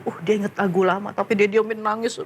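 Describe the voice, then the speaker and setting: A young woman teaching children in a lively storytelling sermon, speaking to them directly. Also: mid-range voice, fast talker, a little hiss or hum. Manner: animated, addressing children directly.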